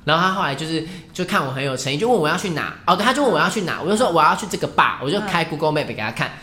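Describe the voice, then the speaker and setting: Chatty Taiwanese woman co-host, fast storyteller, low-ish voice in a roomy space. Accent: Taiwanese Mandarin. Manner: animated, acts out quoted voices, laughs often. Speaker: podcast co-host. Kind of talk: casual chat, storytelling.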